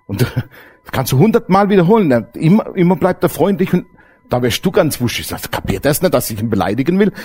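A man preaching a sermon, blunt and earthy, swinging between loud emphatic outbursts and hushed low passages. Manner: blunt, earthy everyday language. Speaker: pastor.

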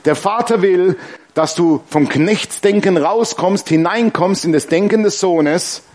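Preacher guy, slightly high voice, tells funny stories, keeps asking the crowd stuff. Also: measured pace. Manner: lively storytelling with laughs and congregation call-and-response. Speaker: pastor. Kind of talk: sermon.

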